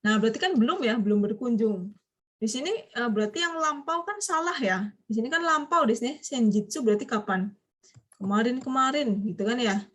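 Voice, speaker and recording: Chatty, high-voiced woman teaching vocabulary. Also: animated, brisk, fairly bright tone. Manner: chatty, quizzing students, frequent light laughs. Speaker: Japanese language teacher. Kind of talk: online vocabulary lesson.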